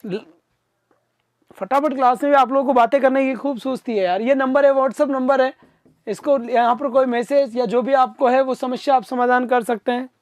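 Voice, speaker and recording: Guy teaching a live exam class, keeps pushing students to answer fast, dry close mic. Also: extremely high pitch, steady tone, no room sound. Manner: coaxing, calls students "beta" and urges quick answers; reads out viewer comments and answers them.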